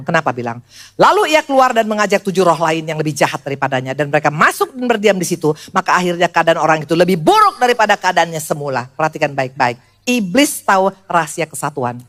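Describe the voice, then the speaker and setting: A woman in her sixties preaching a lively sermon to a church congregation, calling out to the audience and dropping to quiet asides. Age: 60s. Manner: animated, swings from loud high calls to low quiet asides. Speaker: pastor. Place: church service before a congregation.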